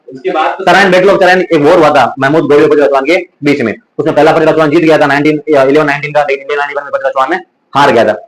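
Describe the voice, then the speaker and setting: A man's voice: fairly high pitch, poor audio. A young man with a Rajasthani accent teaching an exam revision lesson, drilling facts by asking and answering the same questions again and again, with chatty story asides. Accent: Rajasthani Hindi. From Rajasthan, India.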